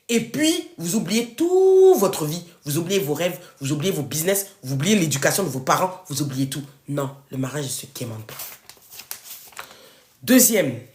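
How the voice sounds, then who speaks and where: A woman life coach with a big, commanding voice, talking live to her followers and urging them on loudly and emphatically. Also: lowish voice. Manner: loud, emphatic, scolding and exhorting viewers. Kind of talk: live stream talk to followers.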